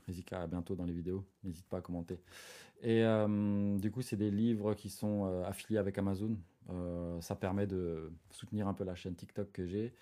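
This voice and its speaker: A man hosting his own live stream, talking casually and directly to viewers with lots of hesitations and restarts. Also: on the low side. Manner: relaxed, chatty, talks straight to viewers.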